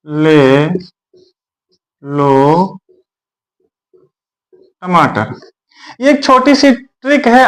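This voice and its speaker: Male tutor, unhurried delivery, repeats drills, keeps clearing his throat. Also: high voice, fairly bright tone. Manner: repetitive, drills syllables aloud. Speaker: teacher. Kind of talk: exam-prep grammar lesson.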